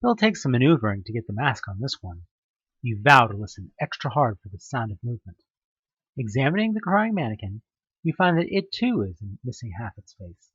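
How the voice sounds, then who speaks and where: A young man from Houston, United States, reads a second-person horror audioplay aloud, building suspense with tense storytelling and now and then tripping over a word. His medium-pitched voice is sing-song, brisk, a bit bright and husky. The lo-fi recording has no room sound.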